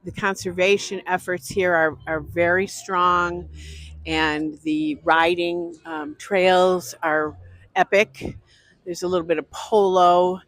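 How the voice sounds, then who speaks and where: A woman's voice: fairly low pitch, slow pace, no room sound. Chatty woman vlogging an outdoor fair. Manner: chatty, friendly greetings to passers-by. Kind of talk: casual walking vlog narration. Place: outdoor art festival.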